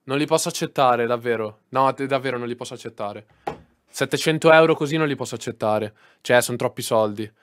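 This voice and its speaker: A man's voice: medium pitch, brisk, a little hiss or hum. Flustered young man streaming live. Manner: flustered, repeats himself. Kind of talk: casual live-stream chat.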